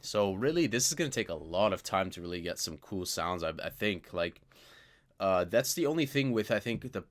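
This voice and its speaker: A man's voice: low-pitched, lively intonation, normal speed. A man casually walking through a synthesizer plugin, thinking aloud with plenty of fillers and trailing remarks. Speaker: music producer reviewing a synth plugin. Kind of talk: casual screen-recorded software walkthrough. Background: synth sounds playing.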